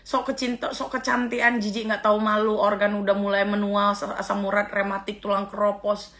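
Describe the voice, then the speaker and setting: A woman's voice: mid-range voice, level tone, fairly quick, a bit bright. A middle-aged woman vlogger ranting casually and scornfully, with frequent exclamations of disgust. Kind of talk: casual reaction rant.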